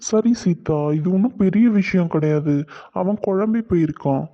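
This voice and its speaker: A steady, reassuring cartoon father who speaks in a calm, slightly raised voice. A man acts him out. The audio sounds dull and lo-fi. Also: sits high, normal speed, close to an everyday voice. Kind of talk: cartoon voice acting.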